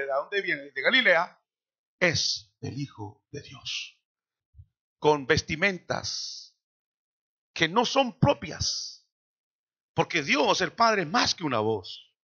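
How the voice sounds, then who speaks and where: A man preaching a sermon in a church, slowing down dramatically for quoted lines. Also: high voice, pushed and bright, highs cut off. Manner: dramatic preaching with slow emphatic quotations. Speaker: pastor.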